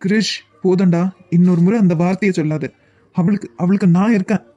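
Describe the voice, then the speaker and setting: A man's voice: high voice, fairly even intonation, a little fast, mellow, dull audio, natural voice. A man voicing a distraught young man in a cartoon, pleading and stammering, with a Kanyakumari Tamil accent. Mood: desperate pleading. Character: distraught young man clinging to a lost love. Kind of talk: cartoon web series dubbing.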